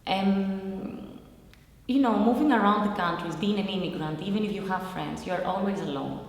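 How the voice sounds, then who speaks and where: A young Greek woman, a native Greek speaker now living as an immigrant in Italy, speaks in a mid-range voice at a moderate pace. In simple, searching non-native English with a Greek accent, she gives a reflective personal account as an interviewee. The recording is in a very echoey, reverberant hall with faint noise.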